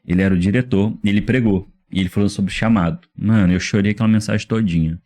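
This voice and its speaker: A man's voice: on the low side, quick pace. A young adult man from Rio de Janeiro with a Carioca accent, a youth pastor telling his story in a casual interview, full of slang and acted-out quotes. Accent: Carioca Portuguese. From Rio de Janeiro, Brazil. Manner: animated storyteller, slangy, acts out quoted voices. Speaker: youth pastor, podcast guest.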